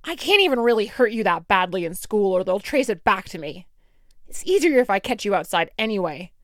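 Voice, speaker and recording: A woman's voice: medium pitch, sing-song, brisk, dry recording, clean studio sound, natural voice. A woman playing a hot-tempered, sarcastic teenage school bully in an audio role-play, with a taunting, theatrical drawl. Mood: mocking, menacing. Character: snarky, hot-tempered school bully girl, grudgingly softening.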